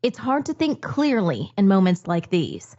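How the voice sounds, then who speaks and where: A woman narrates a news segment from a script, steady and measured. The audio has a slightly muffled, lo-fi quality. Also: medium pitch. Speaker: news anchor.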